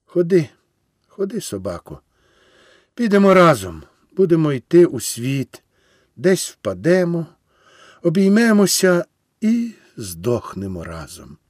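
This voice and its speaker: A man's voice: a little high, wildly swooping pitch, darkish tone, no echo, clean studio sound, voice pushed up, heavily acted. A man as a grieving old peasant man. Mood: resigned. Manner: tender, halting speech.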